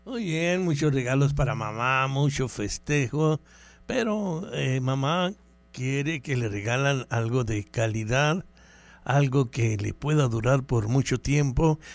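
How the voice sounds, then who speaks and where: A man's voice: mid-range voice, no echo. Radio guy chatting through a live ad, mid voice, really dry sound. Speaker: radio host. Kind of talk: ad-libbed live sponsor read.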